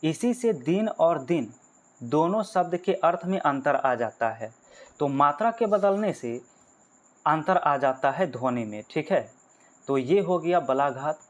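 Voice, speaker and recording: Man, fairly high voice, exam-prep teacher, explains step by step, answers his own questions. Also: animated, unhurried. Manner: addresses viewers as friends. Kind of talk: exam-prep grammar lesson.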